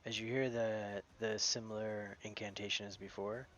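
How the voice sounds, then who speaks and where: A man's voice: on the low side, flat delivery, moderate pace, a bit bright, lo-fi sound, slight background noise. A man narrating as game master in a tabletop game, casual, swearing now and then, restarting his phrases as he goes.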